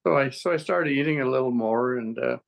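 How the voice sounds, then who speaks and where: A man in his seventies giving a rambling, halting interview testimonial, with frequent restarts and chuckles. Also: mid-range voice, vocal fry, rough recording. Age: 70s. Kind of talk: casual interview answers.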